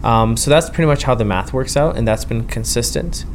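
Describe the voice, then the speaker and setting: A man's voice: medium pitch, a little fast, a little hiss or hum. A young man, a student union president, explaining in an interview with frequent ums and tag questions.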